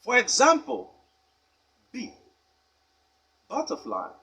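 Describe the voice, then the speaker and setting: A man teaching a pronunciation lesson, speaking deliberately and emphatically and spelling words out letter by letter. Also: extremely high pitch, very animated, vocal fry, bright, forceful tone, husky. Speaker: English teacher.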